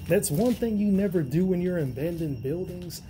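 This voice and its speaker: A man's voice: sits high, lively intonation, a little fast, background noise. A man vlogging as he explores an abandoned hospital, muttering casually to himself and swearing now and then. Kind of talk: exploring narration to camera.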